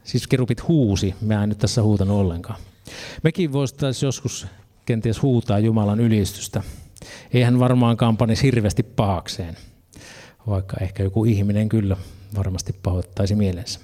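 A man's voice: lowish voice, steady tone, dark tone. A man preaching a sermon, earnest, reading scripture passages and adding casual asides.

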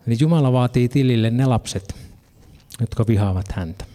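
A man's voice: mid-range voice, mellow. A man preaching a sermon, earnest, reading scripture passages and adding casual asides.

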